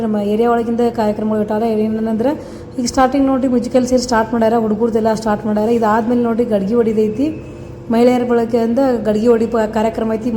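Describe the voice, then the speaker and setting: A woman's voice: a little high, dark tone, slight background noise. A woman vlogger with a North Karnataka Kannada accent, narrating casually to her viewers at a neighbourhood festival. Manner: chatty, keeps saying "nodri" to viewers.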